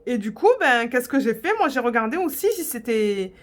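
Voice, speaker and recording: A woman's voice: a little high, expressive, normal speed. Chatty young woman vlogging casually. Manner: rambling, chatty, many fillers and restarts. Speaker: diamond painting vlogger. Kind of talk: casual chat to camera.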